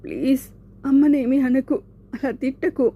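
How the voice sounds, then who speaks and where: A woman's voice: high-pitched, unhurried, mellow, husky, voice pushed up. A woman voicing a bullied young male student who pleads in a tearful, distraught way, in an audiobook. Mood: pleading. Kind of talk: audiobook character voice.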